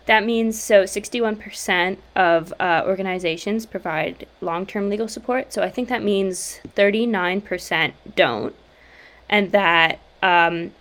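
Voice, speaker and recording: A woman's voice: mid-range voice, fairly bright tone. A woman in a casual discussion who talks through figures with frequent "uh" and "like". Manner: talks through numbers with hesitant fillers. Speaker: discussion participant.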